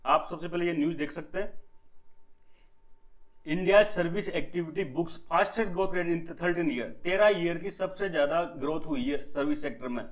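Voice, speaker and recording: Give me a young man teaching economic news casually, with a slightly raised pitch, repeating terms and answering his own questions. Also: moderate pace, poor audio. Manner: repeats key points and asks himself rhetorical questions; casual, addresses viewers as friends. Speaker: economics teacher and channel host. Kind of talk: explanatory daily news lesson.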